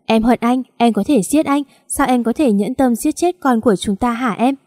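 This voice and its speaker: A woman's voice: fairly high pitch, fairly quick, a little mellow, no echo, clean studio sound, lightly acted. A woman voicing a young man, a heartbroken lover who pleads and cries out in anguish, read in a storytelling voice.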